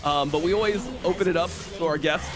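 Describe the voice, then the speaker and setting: A man hosting a casual podcast, relaxed and full of fillers as he wraps up. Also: on the high side, fast, music in the background. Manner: relaxed, filler-heavy, wrapping up. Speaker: podcast host.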